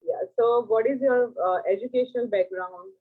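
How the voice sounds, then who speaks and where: A woman's voice: a little high, normal speed. A woman hosting a live talk, reading the guest's introduction and asking questions politely, stumbling now and then. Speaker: host. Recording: thin phone-like line.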